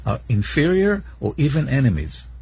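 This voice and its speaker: A man from Israel giving a prepared monologue in a played video clip, measured and reading out passages. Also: medium pitch, wildly swooping pitch, gravelly, a little mellow, a little hiss or hum.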